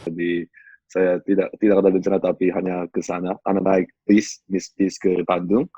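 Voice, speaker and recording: A man in his twenties from South Korea, a native Korean speaker with a Korean accent, talking casually and haltingly in a second language as a guest. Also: sits low, little pitch movement, dark tone, husky, dry recording, dull audio. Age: 20s. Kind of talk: casual discussion.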